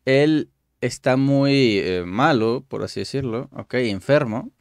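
A man's voice: mid-range voice, takes it slowly, creaky, no room sound, clean studio sound. Chatty man translating app lessons. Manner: chatty, thinks aloud with many fillers. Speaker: channel host playing a language app. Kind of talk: casual commentary with translation.

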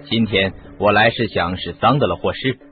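In a radio drama, an actor plays a confident, persuasive male sleuth with an assured air. His natural-sounding voice sits on the low side and moves at a moderate pace, with faint music behind it. The recording is muffled and phone-like.

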